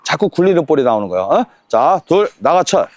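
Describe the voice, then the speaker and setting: A man coaching a tennis lesson on court, counting drills and firing quick rhetorical questions at his student. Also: fairly high pitch, very animated, a little mellow, no echo.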